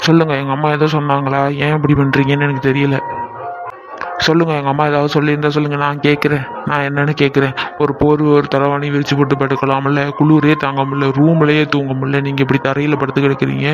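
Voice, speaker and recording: A man's voice: on the high side, monotone, fast, lo-fi sound, over music, natural voice. A man voicing a caring rich young son in a cartoon, talking in an insistent, coaxing way. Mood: concerned.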